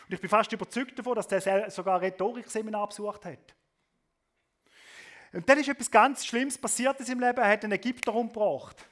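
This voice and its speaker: A man preaching a sermon, swinging between loud emphasis and soft low asides, often adding a questioning tag to his points. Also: fairly quick.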